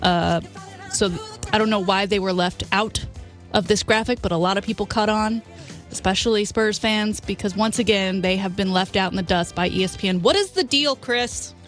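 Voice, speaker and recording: A woman's voice: medium pitch, normal speed, fairly bright tone, soft background music. A woman co-hosting a sports talk show, conversational and opinionated in a casual style. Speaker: sports radio co-host.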